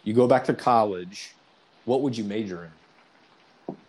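A man's voice: lowish voice, unhurried, darkish tone, low-quality recording. A man in his forties hosting a casual interview, chatty and rambling with asides as he asks questions. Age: 40s. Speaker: podcast host.

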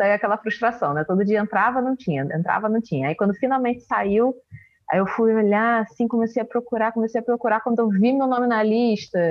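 A woman, a forensic expert and teacher, telling her story in an interview in a casual, animated way with many fillers. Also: mid-range voice, no room sound, muffled recording. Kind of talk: interview answers, personal story.

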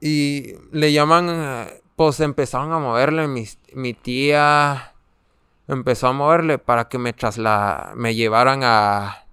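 A man's voice: medium pitch, fairly even intonation, slow pace, pushed and bright, smooth, dry recording, studio quality. Hesitant young Mexican man telling his story. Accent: Mexican Spanish. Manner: hesitant, searching for words with frequent fillers. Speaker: interview guest. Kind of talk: personal testimony in an interview.

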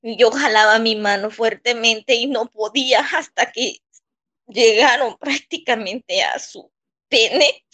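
Woman interviewee, high-pitched and unhurried, speaking in shaken, broken phrases. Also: sharp tone. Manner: halting, shaken, pausing often. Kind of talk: emotional personal testimony.

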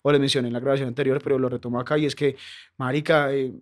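A man's voice: medium pitch, little pitch movement, rapid-fire. Young man, Colombian accent, casual podcast storytelling, swears a lot, laughs easily. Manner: slangy, profane, laughing storyteller. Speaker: comedian guest.

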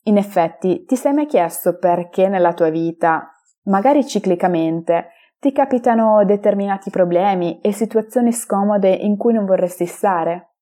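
A woman giving scripted motivational narration and guided meditation, measured and instructive, speaking directly to the listener. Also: mid-range voice, mellow. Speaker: self-help guide and meditation teacher.

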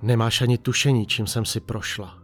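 Guy reading a tired reproachful young wife, quiet and low-key, soft music faint behind. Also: steady tone, natural voice.

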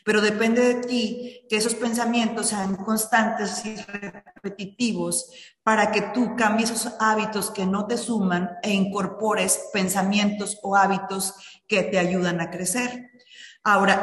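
A middle-aged woman giving an earnest motivational talk that addresses listeners directly. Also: medium pitch. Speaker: speaker on personal finance and habits. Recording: echoey room with long reverb.

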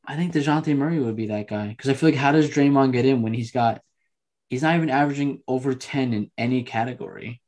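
Мужчина-соведущий, часто поправляет себя. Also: male voice, mid-range voice, a little mellow. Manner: quick interjections, self-correcting. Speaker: podcast co-host. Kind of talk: casual sports chat.

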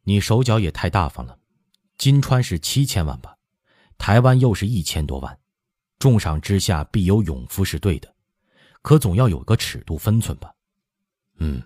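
A man giving voice to a composed imperial prince in an audiobook, speaking in a calm, flat and measured way as he delivers a stern rebuke. The voice is deep and dark, with a husky grain. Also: no echo, clean studio sound.

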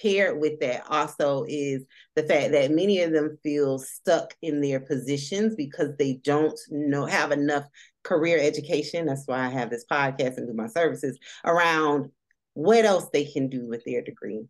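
A woman's voice: low voice, normal speed. A woman hosting a social work career podcast, asking questions in an enthusiastic, affirming way. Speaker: podcast host, social worker. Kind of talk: podcast interview.

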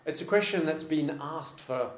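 A man's voice: fairly high pitch, moderate pace, echoey room. A man preaching a sermon to a congregation in a room, earnest and repeating his points for emphasis.

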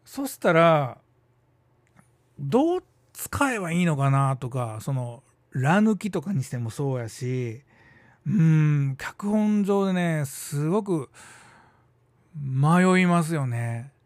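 A middle-aged man with a Kansai accent hosts a solo talk show, speaking in a fairly high, very animated voice with no room sound. A theater troupe leader and podcast host, he chats and muses aloud with quick asides and drawn-out hesitations.

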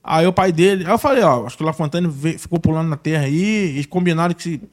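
A middle-aged man, a former music teacher telling an animated story on a casual podcast and acting out other people's lines. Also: fairly high pitch, very fast.

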